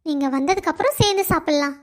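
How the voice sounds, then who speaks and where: A woman's voice: very high voice, very fast. A woman voicing a loving young wife who pleads and complains of being alone. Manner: pleading, plaintive.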